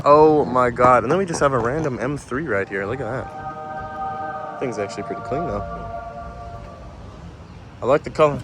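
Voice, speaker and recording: A young man vlogging at an outdoor muffler shop, casual and slangy, quick to get loud and excited. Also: mid-range voice, over loud music. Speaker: car vlogger. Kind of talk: casual vlog narration. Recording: outdoor video with loud engine noise. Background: loud car engines and exhausts.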